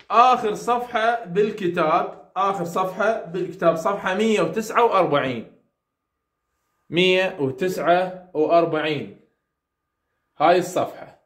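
A man with an Iraqi Arabic accent giving an online university lecture, repeating key points slowly to drill his students. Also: sits high. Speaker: university English tutor. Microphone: computer mic over weak internet.

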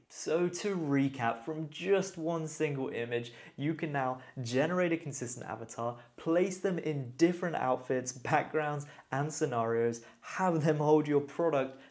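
A man's voice: mid-range voice, a little mellow. A man hosting a casual tutorial, enthusiastically talking the viewer through each step. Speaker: tutorial host. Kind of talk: casual screen-recorded tutorial.

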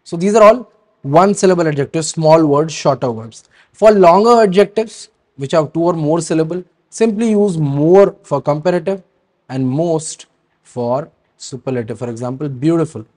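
A male teacher with a voice pitched a little high explains grammar rules to students. He keeps checking in with a quick "right?" and reads through word lists in a steady rhythm that drops at the end of each set. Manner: checks in with a frequent "right?" and stops to hesitate.

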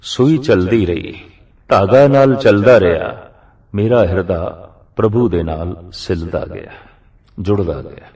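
Slow, measured male preacher. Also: deep voice, a little mellow, distant mic. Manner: slow, measured, recites verses drawn out. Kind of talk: religious discourse.

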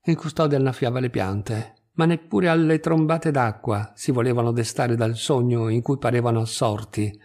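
A man reading a literary short story aloud in a measured, even narration. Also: mid-range voice. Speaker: reader.

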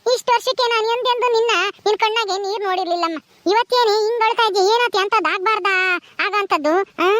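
A woman's voice: very high voice, quick pace, no echo. A woman voicing a deaf, talkative old village grandmother who scolds and keeps asking "eh?". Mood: bewildered. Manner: loud, repeats "ha?" as if hard of hearing. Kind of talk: village comedy voice acting.

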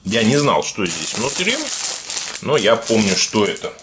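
A man with a deep voice and a defective, burred R talks casually through an unboxing. His delivery is conversational and halting, addressed informally to viewers. There is clear noise behind him, with clicks. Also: very animated. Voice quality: burr, defective pronunciation of the R sound. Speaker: video blogger unboxing parcels. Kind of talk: casual product unboxing commentary.

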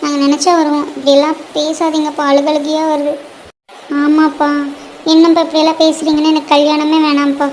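A woman's voice: high voice, completely flat delivery, fairly quick, a little mellow, a little hiss or hum, natural voice. A woman voicing a young bride in a cartoon who pleads with her father in a whiny, tearful way. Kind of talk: cartoon voice acting.

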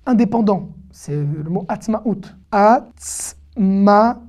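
A woman's voice: medium pitch, normal speed, mellow. A woman giving an online language lesson as a teacher, patiently sounding out each word syllable by syllable and repeating it. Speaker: Hebrew teacher.

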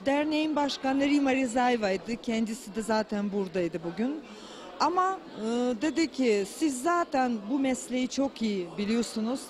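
A woman answers an interviewer in halting, broken Turkish, speaking into a handheld microphone. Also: on the high side, animated, a little mellow. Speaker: association president, Russian teacher. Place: indoor event venue. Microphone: handheld reporter microphone.

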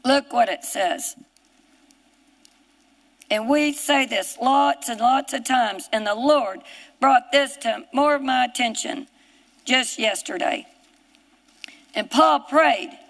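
Woman preacher, Southern US accent, fervent, reads scripture, high pitch. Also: slow, long pauses, long reverb tail, low-quality recording. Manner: fervent, rising to shouts, reads scripture aloud. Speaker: preacher on a ministry broadcast. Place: television studio set.

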